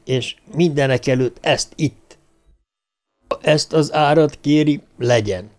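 A man's voice: fairly high pitch, a little mellow, voice pushed up, natural voice. A man voicing a cornered, bitter male ruler who speaks in a strained voice while reading an audiobook.

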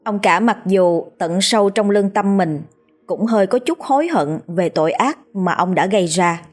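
A woman narrating a ghost story in a deliberate, suspenseful tone. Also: mid-range voice, lively intonation, faint music behind. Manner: slow, deliberate, suspenseful telling.

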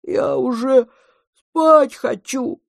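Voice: medium pitch, unhurried, no echo, clean studio sound, voice pushed up, lightly acted. A reader voicing a huge, clingy monster child who talks in a tearful, pleading, childlike way in an audiobook. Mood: sleepy. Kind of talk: audiobook character reading.

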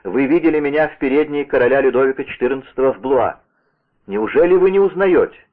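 A man's voice: medium pitch, quick pace, phone-quality sound, voice pushed up, close to an everyday voice. Man reading as a brusque swaggering musketeer. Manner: brusque, impatient and self-assured. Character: bold swaggering Gascon musketeer, middle-aged man.

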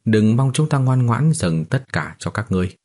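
A man voicing a composed, smooth-talking young male cultivator disciple in a fantasy audiobook, delivering a measured speech. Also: lowish voice, lively intonation, dark tone.

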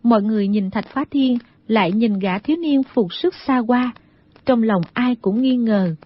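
A woman narrating an audiobook in a steady storytelling manner. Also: a little high, moderate pace. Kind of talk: scripted narration. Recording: dull lo-fi audio.

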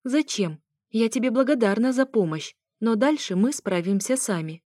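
A woman's voice: fairly high pitch, animated, normal speed, warm tone, no echo, clean studio sound, voice pushed up. Woman voicing a snappish, indignant young woman. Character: sharp-tongued young woman arguing with ex-husband.

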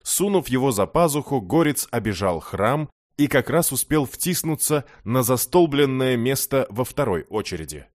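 A man reading a fantasy novel aloud as an audiobook narrator, telling the story in an even, measured way with dry ironic asides. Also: mid-range voice, no echo.

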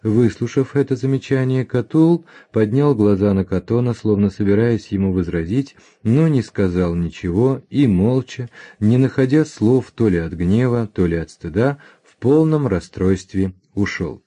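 A man reading a history book aloud as scripted narration, announcing page numbers and footnotes in a measured, even way. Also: lowish voice. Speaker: audiobook reader.

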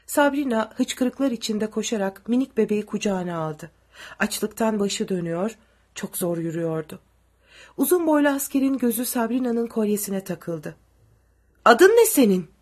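A woman narrating an audiobook with steady, dramatic storytelling. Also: medium pitch, normal speed.

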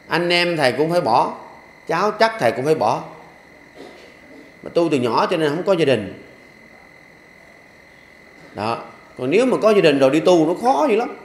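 A man, a Buddhist monk, giving a dharma talk to lay followers in a folksy, repetitive way with humorous asides. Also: on the high side. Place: temple hall. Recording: echoey hall with faint ambience.

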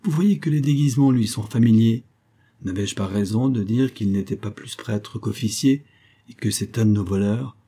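A man voicing a reckless, hot-headed ex-convict who speaks in an excited, breathless, shouting way. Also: on the low side, normal speed, husky. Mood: triumphant.

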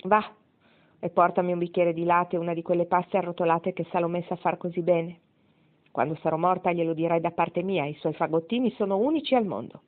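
A woman's voice: on the low side, fairly even intonation, a little fast, natural voice. A woman reading the part of a wry, spirited old grandmother near the end of her life, in a satirical tone. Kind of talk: audiobook reading. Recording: tinny phone-like sound.

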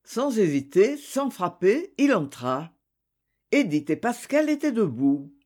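Audiobook narrator, novel reading, slow pace, lively intonation. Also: mid-range voice. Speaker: audiobook reader.

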